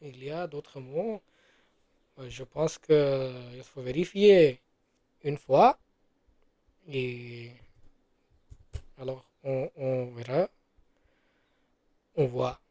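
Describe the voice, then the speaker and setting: Slow, hesitant man, dry close sound. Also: mid-range voice, mellow, no room sound. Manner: hesitant, many fillers and self-corrections. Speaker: French learner. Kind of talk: casual spoken practice monologue.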